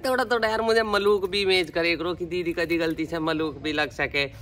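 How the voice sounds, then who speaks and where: A woman's voice: lowish voice, normal speed, a bit bright. A woman with a Haryanvi accent chatting casually to her viewers in a vlog, calling them brother. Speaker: vlogger.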